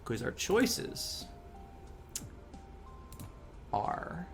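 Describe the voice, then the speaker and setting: A man chatting casually while drawing on a livestream, relaxed and rambling, thinking aloud with ums and laughs. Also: fairly high pitch, drawn-out words, vocal fry, faint music behind. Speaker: streamer and animator.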